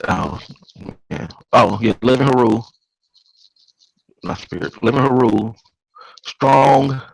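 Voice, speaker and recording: A man in a class, reading his translation attempt over a live call in a halting way, his mic distorted and breaking up. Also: mid-range voice, vocal fry. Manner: halting, tries words out and corrects himself. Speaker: class participant.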